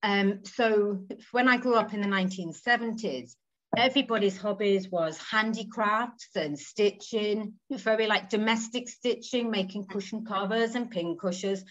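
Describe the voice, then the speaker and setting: Speaking a little slowly in a medium-pitched, fairly bright voice, a woman in her 40s from England chats as a guest on a video call. She's a textile artist sitting in a home room with green walls, and she muses aloud with trailing asides and tag questions. Her audio sounds slightly dull.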